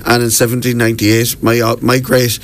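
A man from Wexford in southeast Ireland, speaking with a Wexford accent, chats as a tour guide in a radio interview against a clearly noisy background. His mid-range voice is monotone and a little fast, though he tells things in an enthusiastic, informal way.

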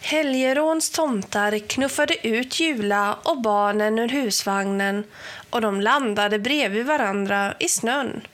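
A woman reading a children's story aloud in a clear, expressive storytelling voice. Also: on the high side. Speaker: reader of children's stories.

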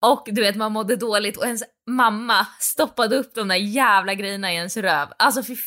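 A woman's voice: medium pitch, sharp tone. A woman co-hosting a podcast in casual chat, reacting to a story with short replies and outbursts. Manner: reactive listener, short replies, quick to laugh. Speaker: podcast co-host.

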